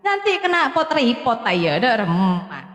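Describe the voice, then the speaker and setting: A woman's voice: a little high, big pitch swings, normal speed, reverberant, in a large hall, heavy background noise. A woman from Madura, chatting casually on a live stream, laughing often and answering viewers by name. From Madura, Indonesia. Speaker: live-stream host giving testimony.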